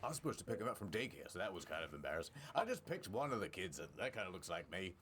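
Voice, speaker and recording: A man narrates a comedy script in a lowish, bright voice that swings widely in pitch. His delivery is theatrical and mock-serious, like a presenter playing out sketches. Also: sing-song, racing, a little hiss or hum.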